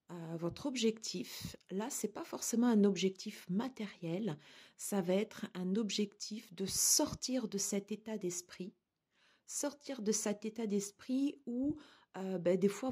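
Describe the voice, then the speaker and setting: A woman giving a tarot card reading to her viewers, speaking gently and reassuringly with frequent hesitations. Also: medium pitch, slightly rough. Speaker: tarot reader.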